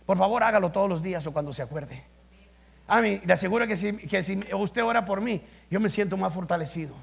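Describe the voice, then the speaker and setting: A man's voice: high-pitched, brisk, vocal fry, slightly rough. A man, a pastor, preaching a live sermon in an impassioned, exclamatory way. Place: church service, live.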